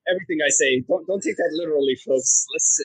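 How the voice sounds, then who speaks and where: A man co-hosting a casual podcast, animated and joking, laughing often as he talks. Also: a little high, quick pace, husky, no echo, poor audio. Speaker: podcast co-host.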